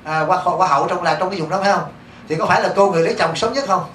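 Monk with a Southern Vietnamese accent, a male teacher preaching in a temple hall; high, quick delivery, echoey room, caught from a distant mic. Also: a little hiss or hum. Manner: lively, keeps asking the audience rhetorical questions. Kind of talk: dharma talk to a congregation.

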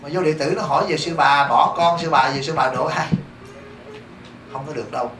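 Monk with a Southern Vietnamese accent, a male teacher preaching in a temple hall; high, quick delivery, echoey room, caught from a distant mic. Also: faint music behind. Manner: lively, keeps asking the audience rhetorical questions. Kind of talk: dharma talk to a congregation.

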